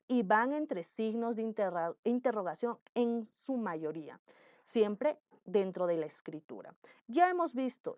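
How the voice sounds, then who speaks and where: A woman's voice: fairly high pitch, dry recording, lo-fi sound. A woman teaching a grammar lesson, explaining patiently and acting out example sentences. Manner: explains slowly, acts out example sentences with lively intonation.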